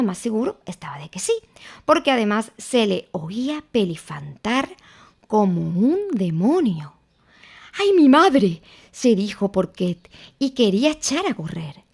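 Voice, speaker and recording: A woman reading a children's story aloud in a slow, expressive, playful way. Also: medium pitch, creaky.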